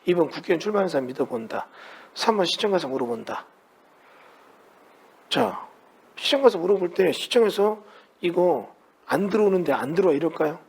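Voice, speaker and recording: A man's voice: high-pitched, lively intonation, fairly quick, long pauses, darkish tone, breathy edge. A man teaching a real estate class in a conversational way, often putting rhetorical questions to his students. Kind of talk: classroom lecture.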